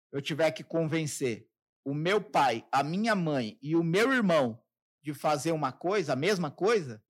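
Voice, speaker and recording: A man with a Brazilian accent, co-hosting a podcast and explaining ideas with acted-out everyday examples in casual talk. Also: fairly high pitch. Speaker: podcast co-host.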